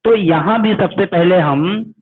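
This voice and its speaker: A man teaches physics in a fairly high voice, quizzing his students and answering for them. The sound is thin and phone-like. He talks to the class as "beta". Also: measured pace, slight background noise. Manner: addresses students as "beta", asks questions and answers them himself. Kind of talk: online class lecture. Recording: tinny phone-like audio.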